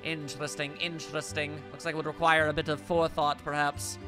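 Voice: mid-range voice, little pitch movement, brisk. A let's play host giving casual video game commentary, musing aloud with wry understatement. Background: video game music.

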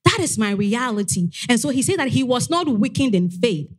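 A young woman preaching an earnest sermon into a handheld mic in a church, often pausing on "Amen". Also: a little high, big pitch swings, slightly rough. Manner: earnest exhortation with frequent "Amen". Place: church sanctuary stage.

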